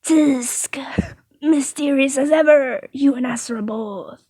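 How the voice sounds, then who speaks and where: A woman's voice: high voice, slow pace, warm tone, no room sound, pitched above the performer's own voice. A woman doing a chatty nosy baker man. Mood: friendly nosy. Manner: friendly, prying.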